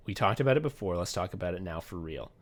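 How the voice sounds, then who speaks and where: Quick-paced and low-pitched, this expressive male voice belongs to a podcast co-host and audio play writer. In a laid-back, retrospective chat, he spins profane, emphatic stories, performing recalled conversations line by line.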